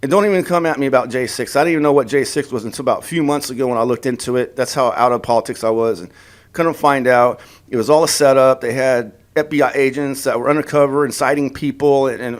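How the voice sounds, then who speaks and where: A man ranting in a political opinion vlog, heated and sarcastic, stumbling over and repeating his words as he mocks the people he disagrees with. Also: mid-range voice. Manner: heated and sarcastic, mocking voices of opponents; repeats words and restarts often. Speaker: political vlogger.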